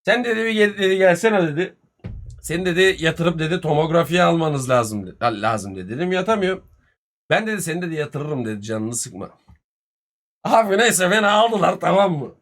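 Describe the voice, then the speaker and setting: A man, telling a story casually on a live stream, animated and full of swearing and reported speech. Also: on the high side, brisk. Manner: profane, animated retelling with much reported speech.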